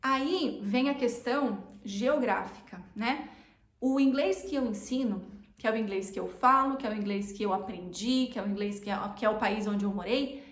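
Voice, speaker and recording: Brazilian woman teacher, chatty and repetitive, kinda high voice, echoey room. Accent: Brazilian Portuguese. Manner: chatty, repeats points for emphasis. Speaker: English teacher. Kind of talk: casual online lesson.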